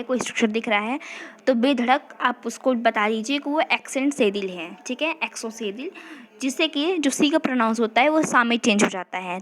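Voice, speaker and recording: Woman, high voice, online language teacher, patient explaining. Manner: explains patiently in Hindi and English, reads French dialogue aloud. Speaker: French teacher.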